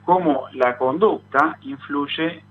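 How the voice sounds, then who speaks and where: A man's voice: a little high, slow, a little hiss or hum. Argentine man explaining over a tinny phone line. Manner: thoughtful, frequent "este" fillers. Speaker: psychologist guest. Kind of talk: explanatory interview talk. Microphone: phone call.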